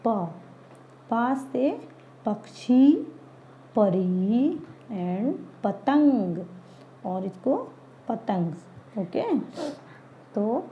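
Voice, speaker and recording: A woman teacher slowly taking young children through letters and sounds, sounding each one out patiently. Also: a little high, slight background noise. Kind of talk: children's Hindi lesson. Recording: dull lo-fi recording.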